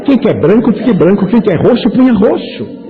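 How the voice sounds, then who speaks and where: A man's voice: high-pitched, animated, moderate pace, background noise. A man in his seventies with a Brazilian Portuguese accent gives a spiritist lecture, telling humorous stories and acting out little dialogues. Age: 70s. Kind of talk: lecture to an audience. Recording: tinny phone-like sound.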